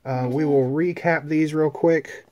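Slow, mellow-voiced man opening card packs. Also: a little high, dull audio. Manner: relaxed, drawn-out listing with fillers. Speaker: card-opening channel host. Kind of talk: casual chat.

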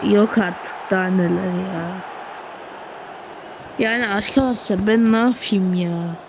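A woman commenting on her own football video game match, excitable and often groaning or shouting at the play. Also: a little high, gravelly, slight background noise. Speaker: gaming streamer. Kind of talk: live gameplay commentary.

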